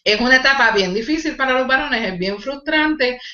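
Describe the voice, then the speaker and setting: A woman's voice: high-pitched, animated, moderate pace, bright, forceful tone, reverberant, highs cut off. A woman vocal coach teaching a live online singing lesson, explaining technique and demonstrating nasal exercises. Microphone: video call.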